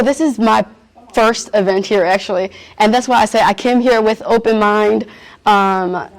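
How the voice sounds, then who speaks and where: Young adult, interviewee, earnest, halting, medium pitch. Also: poor audio. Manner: earnest, searching for words. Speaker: youth interviewee at a community event. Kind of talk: casual interview answers.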